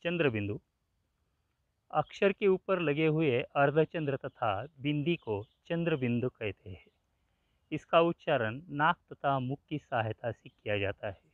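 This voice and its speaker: A man teaching a grammar lesson, explaining slowly and repeating each example word, spelling it out letter by letter. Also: mid-range voice, animated, no room sound. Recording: tinny phone-like sound, dry.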